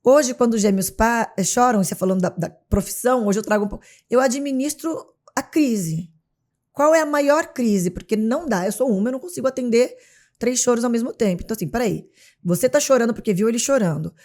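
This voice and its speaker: A brisk, fairly high female voice belongs to a Brazilian mother of three guesting on an interview show. Speaking casually in a Brazilian Portuguese accent, she acts out scenes as she tells her lively stories.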